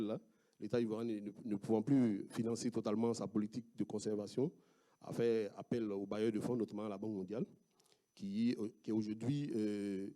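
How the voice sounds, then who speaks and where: A man with an Ivorian French accent, a sociologist giving an academic talk with slides, speaking haltingly with many fillers and restarts. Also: fairly low pitch, warm tone. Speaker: sociologist presenting research.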